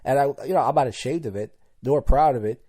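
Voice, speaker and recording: A man's voice: mid-range voice, fast, dark tone, husky. A man in his thirties hosting a solo podcast, talking casually and candidly, rambling and tripping over his words as he goes. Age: 30s. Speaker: podcast host.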